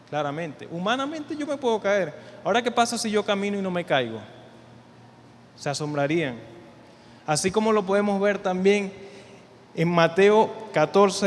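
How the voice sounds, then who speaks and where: A man's voice: sits high, animated, moderate pace. A man preaching a conversational sermon, often repeating words as he builds his points. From Venezuela. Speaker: church leader preaching. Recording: reverberant hall with faint noise.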